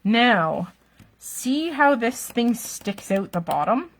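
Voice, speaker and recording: A woman's voice: on the high side, very animated, slow pace. A woman teaching card making during a live stream, chatty, laughing often and checking in with "okay?" after each step. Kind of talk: live-streamed craft demonstration.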